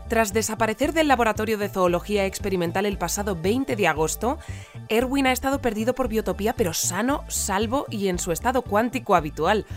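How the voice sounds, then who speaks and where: In an audio fiction bulletin, an actress plays a polite, composed female news presenter. Her natural, medium-pitched voice speaks earnestly in measured phrases.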